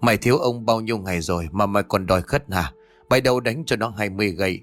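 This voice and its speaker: A man's voice: mid-range voice, a little fast, a bit bright, soft background music, lightly acted. A man reading the part of a cruel, bullying older village tyrant who snarls and barks orders in a storybook ghost tale.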